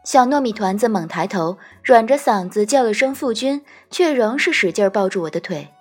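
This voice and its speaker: A woman narrating a first-person fantasy audiobook, gentle and wry. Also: mid-range voice, animated, a little fast, breathy edge, soft background music. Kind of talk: scripted storytelling narration.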